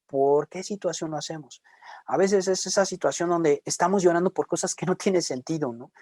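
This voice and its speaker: A man's voice: a little high, a little mellow, dry recording, studio quality. A man with a Mexican Spanish accent preaching a sermon in a conversational way, with joking asides.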